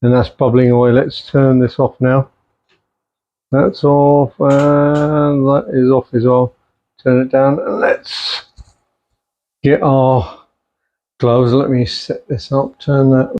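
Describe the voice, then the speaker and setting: Speaking slowly and flatly with long pauses, a middle-aged man with a mellow, medium-pitched voice demonstrates home cooking in his kitchen. His easy chatter includes Punjabi-Urdu phrases, captured in a dull lo-fi home recording.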